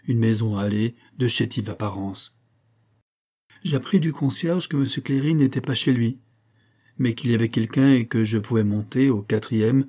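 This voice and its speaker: A man reading a novel aloud in a calm, measured literary narration. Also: lowish voice. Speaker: audiobook reader.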